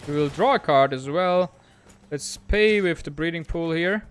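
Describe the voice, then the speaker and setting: A man hosting a gaming channel, giving excitable, quick, self-mocking commentary on a digital card game match. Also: a little high, clean tone. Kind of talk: gameplay commentary.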